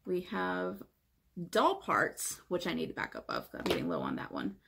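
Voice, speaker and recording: A young woman vlogging casually about her makeup collection, chatty, with many "like" fillers and soft whispered asides. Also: lowish voice, huge pitch swings, normal speed, creaky, background noise. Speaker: beauty vlogger.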